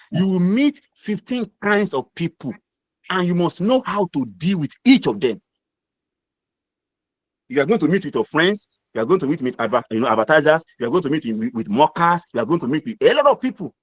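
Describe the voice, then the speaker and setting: A middle-aged man with a Nigerian accent delivers a motivational mentoring talk, hammering his points with repetition like a preacher. His voice sits fairly high for a man. The sound is dry, with no room echo. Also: very animated, normal speed. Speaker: guest mentor speaker.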